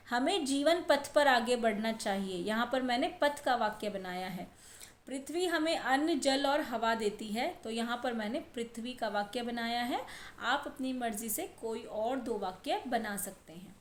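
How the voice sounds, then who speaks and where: In a slow, explained lesson for children, a woman teaches primary school language, moving patiently and carefully through one word at a time. Her voice is high and the sound is roomy.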